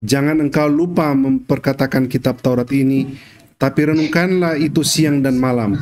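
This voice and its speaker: A man interviewing a guest, who reads a scripture passage aloud in a steady, measured way. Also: mid-range voice, slight background noise.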